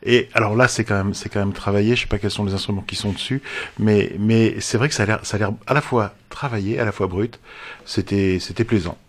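Hesitant French-speaking radio host. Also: male voice, fairly low pitch, fairly even intonation, fairly quick. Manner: hesitant, repeats words, playful. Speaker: radio music show host. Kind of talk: casual music review chat.

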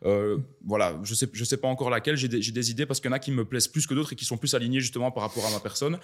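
A man's voice: medium pitch, very fast. A man hosting a podcast, chatting casually and agreeably with his guest. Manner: agreeable, frequent backchannel, casual. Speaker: podcast host.

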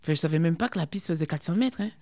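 A middle-aged woman from Guadeloupe, a former sprinter telling her story in an interview, chatty and lively with lots of fillers. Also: lowish voice, very fast. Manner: lively, chatty, full of fillers like hein and quoi.

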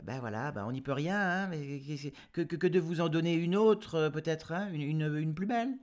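A man's voice: fairly high pitch, lively intonation, moderate pace, voice pushed up, lightly acted. An apologetic innkeeper stumbles and stammers over his excuses, as a man puts him on for a storybook tale. The voice sits raised and uneasy.

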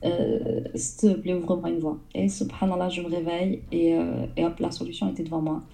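Woman guest, very dark mellow tone, a little low, hesitant storyteller. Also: little pitch movement, a little fast, creaky, low-quality recording. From southern France. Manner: hesitant, many fillers, storytelling. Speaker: guest entrepreneur. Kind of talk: casual interview.

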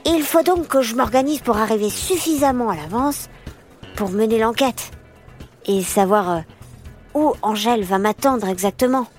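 A woman narrating a children's story in the first person, calm and matter-of-fact. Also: a little high, moderate pace, soft background music.

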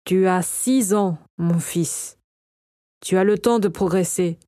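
A woman reading the part of a kind male king who calmly reassures his young son. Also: lowish voice, takes it slowly, dry recording, studio quality. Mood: gentle. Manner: calm, warm and reassuring. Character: kind, gentle male king and father, a magician.

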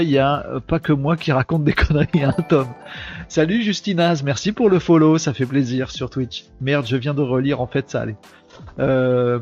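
A man's voice: mid-range voice, a little mellow, dull audio. A man from France hosting a daily live webinar, chatting casually, joking and rambling as he reads viewers' comments aloud. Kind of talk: casual live-stream chat.

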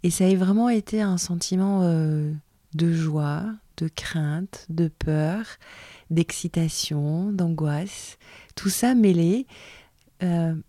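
A woman's voice: on the low side, slow pace, dark tone, no room sound. A woman in her forties hosting her own podcast, talking in a chatty, reflective way with many fillers and restarts. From France. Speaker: podcast host, training business owner. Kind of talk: casual solo podcast talk.

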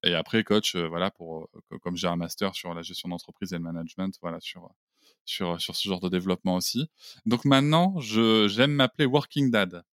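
A man's voice: low-pitched, fairly quick, a bit bright, smooth, no room sound, clean studio sound. A man in his forties from the Bordeaux area, a podcast guest talking casually with many hesitations and restarts. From Bordeaux area, France. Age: 40s. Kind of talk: casual interview chat.

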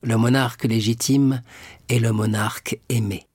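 A man voicing a scheming, cold young royal prosecutor in an audiobook, smooth and guarded. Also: medium pitch, steady tone, a little slow, a little mellow, dry recording, clean studio sound, close to an everyday voice. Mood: calculating. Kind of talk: audiobook character reading.

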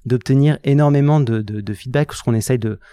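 A man in his thirties talking in a casual interview, earnest and halting, often restarting his words. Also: mid-range voice, warm tone, clear, resonant tone. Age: 30s. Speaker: guest.

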